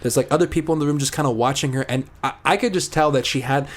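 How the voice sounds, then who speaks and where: Fast-talking animated young man. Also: medium pitch. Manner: animated storyteller, lots of filler words and restarts. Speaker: podcast co-host. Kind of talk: casual chat.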